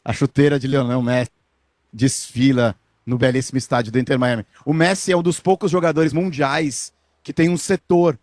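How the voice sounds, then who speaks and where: A man reporting live from a stadium in a chatty, animated way. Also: medium pitch, normal speed, dry recording, studio quality. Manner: chatty, animated, laughing often. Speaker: field reporter.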